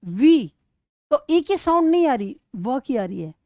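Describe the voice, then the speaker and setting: Woman, teacher, high voice, dry close sound, asks and answers her own questions, repeats key words. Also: sing-song, mellow, dry recording. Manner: sounds out words slowly to show stress. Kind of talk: exam-prep grammar lesson.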